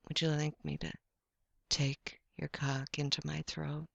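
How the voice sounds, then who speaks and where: Slow, gravelly, seductive woman, close and dry. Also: deep voice, little pitch movement, dry recording, lo-fi sound. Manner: slow, teasing, seductive, drifting into whispers. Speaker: erotic audio performer. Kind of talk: intimate scripted audio roleplay.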